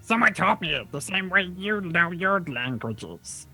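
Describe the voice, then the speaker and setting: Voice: medium pitch, very animated, unhurried, creaky, bright, forceful tone, soft background music, voice pushed up, heavily acted. A game master voicing a defiant, foul-mouthed female goblin captive who bargains cheekily in a tabletop game. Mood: defensive.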